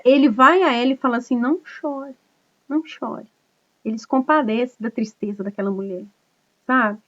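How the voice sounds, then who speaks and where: A woman pastor preaches to a small online group in an earnest, chatty way, checking in with listeners as she goes. Her voice sits high. The sound is dull and lo-fi, like a home video call. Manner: earnest, conversational preaching with frequent tag questions. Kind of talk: online cell group sermon.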